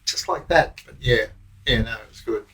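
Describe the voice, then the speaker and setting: An older Australian former prison officer recalling stories in a loose, rambling way with plenty of restarts. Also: male voice, mid-range voice, moderate pace, fairly bright tone, poor audio. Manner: rambling, broken anecdotes with many restarts. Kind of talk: casual recollection.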